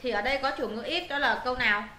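A woman's voice: high voice, racing, sharp tone, reverberant, slight background noise. A woman English teacher, walking students through exam answers, repeating words and checking they follow. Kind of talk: exam answer walkthrough lesson.

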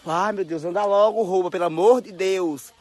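High-voiced teasing man vlogging. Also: normal speed. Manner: playful, teasing, high and animated. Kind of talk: casual teasing chat. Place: rural home yard, doing laundry.

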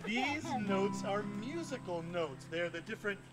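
Upbeat male kids' music teacher, higher voice, guitar heard in the background. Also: animated, measured pace. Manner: upbeat, quizzing the children. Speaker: children's music presenter. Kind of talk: interactive kids' music lesson. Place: public library event room.

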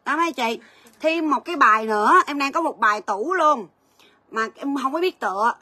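Woman, chatty livestream seller, bright voice, fairly high pitch. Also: lively intonation, no room sound. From Vietnam. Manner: chatty, rapid price calls, storytelling asides. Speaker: gold shop livestream seller. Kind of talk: livestream sales chat.

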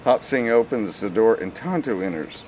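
A man's voice: on the low side, animated, moderate pace, darkish tone, slight background noise. A man reading aloud the stage directions of a comic musical script, casually and with amusement. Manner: amused, stumbles and laughs. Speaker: script reader.

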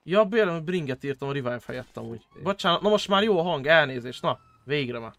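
Excitable, foul-mouthed man with a bright voice. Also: fairly high pitch, creaky, no echo. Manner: excitable, loud, swears constantly. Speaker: streamer. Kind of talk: live game role-play.

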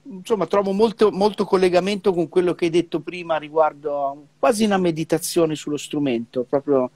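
A middle-aged professional trumpeter chats casually about music practice on a remote video call from an indoor room, using a wired earphone mic. His voice is a little high, a little fast and darkish with no echo, and he often repeats syllables while searching for words.

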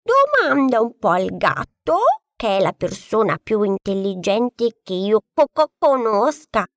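A woman's voice: mid-range voice, gravelly, no room sound, clean studio sound. A woman voicing a bossy, know-it-all hen who breaks into clucks as she talks. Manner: stutters into clucks.

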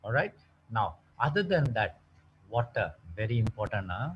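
In a fairly low voice at a moderate pace, a wellness speaker delivers an upbeat health talk built on storytelling and many rhetorical questions. The sound is dull and lo-fi, with a little hiss or hum.

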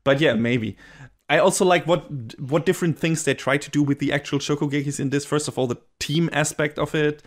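A man's voice: fairly high pitch, steady tone, fairly quick. A man co-hosting a casual podcast, reviewing a show with eager, rambling talk full of restarts and fillers. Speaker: podcast co-host reviewing anime.

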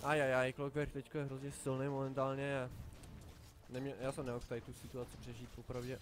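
A young man with a Czech accent, commentating his own online game in a chatty way, dropping English swears and yelling in sudden panic. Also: medium pitch, monotone. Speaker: gameplay commentator.

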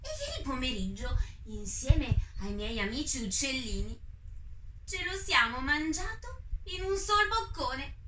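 Greedy male owl puppet voiced by a woman: high, bouncy, slow, heard from across a roomy space. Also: lively intonation, distant mic, background noise. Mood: playful. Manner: chatty, coaxing children, exclamatory. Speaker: puppet character for children.

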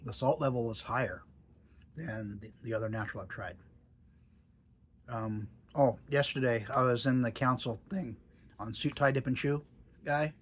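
A man's voice: medium pitch, moderate pace, long pauses, husky. A middle-aged man chatting casually in a vlog, musing and hesitant, with dry jokes. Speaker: tobacco reviewer.

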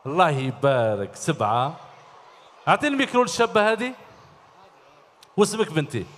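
A middle-aged man with an Algerian Arabic accent runs a children's stage show, quizzing the kids with cheer. His voice is a little high, very animated, brisk, and somewhat bright. He uses a handheld mic on a large concert hall stage, and the sound rings with long hall reverb.

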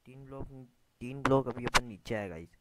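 A man's voice: medium pitch, fairly quick. A man giving casual commentary over his gameplay, chatty, calling out to his viewers often and muttering at his own mistakes. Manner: chatty, says "guys" constantly, mutters at mistakes. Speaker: gaming YouTuber. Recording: screen recording with steady noise.

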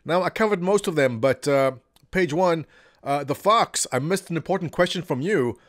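For a casual webcam Q&A, a lively gaming community leader reads viewers' questions aloud and jokes through his answers from a gaming chair in his home office. His voice is a little high at a moderate pace, captured dry and at studio quality by a desk condenser mic right in front of him.

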